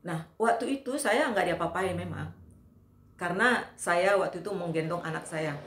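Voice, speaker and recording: A woman's voice: lowish voice, normal speed, fairly bright tone. Earnest woman telling a testimony in an echoey room. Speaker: eyewitness sharing a testimony. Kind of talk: personal testimony.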